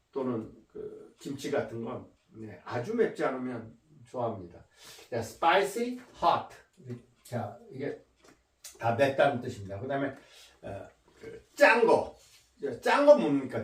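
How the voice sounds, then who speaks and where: Man, teacher, lecture, lively pitch, slow drilling repetition, echoey room. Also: far from the mic. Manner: repeats words slowly to drill pronunciation. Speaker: English teacher.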